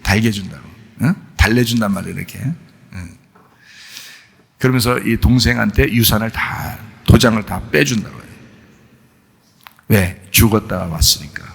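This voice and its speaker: A man preaching a sermon as pastor, animated, asking the congregation questions and answering them himself. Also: on the low side, normal speed, gravelly, pauses often, breathy edge. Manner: animated, acts out the father's joyful shouts.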